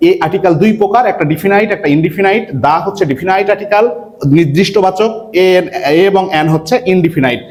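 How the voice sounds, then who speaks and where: A man from Bangladesh teaching an English admission-test lesson online, who asks his students questions, answers them himself and repeats words slowly. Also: high-pitched, darkish tone. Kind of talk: online lecture.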